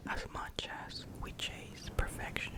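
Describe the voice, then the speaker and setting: A person giving a fully whispered, breathy ASMR pep talk of soothing affirmations for sleep, in short phrases with pauses, close to the microphone. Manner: slow, pausing between short phrases. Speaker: ASMR host. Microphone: close fluffy-covered microphone.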